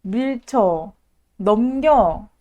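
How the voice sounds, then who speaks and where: Woman, live-stream host, casual chat, excitable, dramatic, fairly high pitch. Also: extremely slow. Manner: excitable and dramatic, often laughing, exaggerated frustration.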